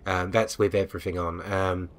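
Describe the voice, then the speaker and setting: Man, game reviewer, casual unscripted talk, lowish voice, lots of ums and restarts. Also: level tone, moderate pace. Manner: hesitant, frequent ums and restarts.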